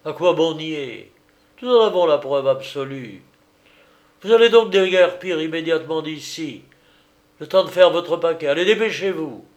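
A man reading aloud and voicing a stern male doctor who scolds loudly and forcefully. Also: on the high side, normal speed, pitched above the performer's own voice, lightly acted.

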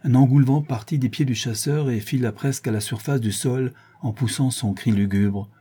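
A man reading a novel aloud in a measured, steady storytelling voice. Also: medium pitch, slightly rough. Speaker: audiobook narrator. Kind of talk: scripted narration of a novel.

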